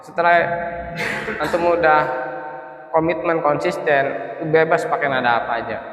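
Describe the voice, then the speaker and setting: A man teaching a Quran recitation class, chanting syllables for students to repeat and explaining in quick, casual asides. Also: fairly high pitch, a bit bright, roomy sound, long reverb tail. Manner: quick casual asides between slow sung examples. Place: prayer room, indoors.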